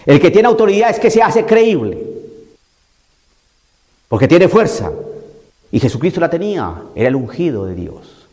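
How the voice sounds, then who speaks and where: A man's voice: on the high side, sing-song, moderate pace, pauses often, mellow. A man preaching a sermon, emphatic and repetitive, mocking the views he argues against.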